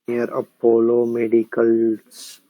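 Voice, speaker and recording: Speaking slowly and in a monotone, a software instructor with an Indian English accent walks through a screen-recorded tutorial step by step. He repeats himself while typing and keeps asking "correct?" and "okay?". His pitch is medium, and the recording is dry and lo-fi.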